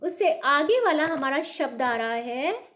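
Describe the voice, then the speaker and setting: A woman's voice: high voice, expressive, measured pace, fairly bright tone, a little hiss or hum. A woman from North India teaching Hindi to beginners, patiently repeating words with stress. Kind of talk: slow beginner language lesson.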